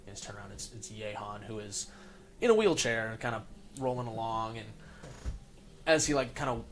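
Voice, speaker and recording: A man narrating as game master in a tabletop game, loose and relaxed with lots of fillers. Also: fairly low pitch, normal speed, a little hiss or hum.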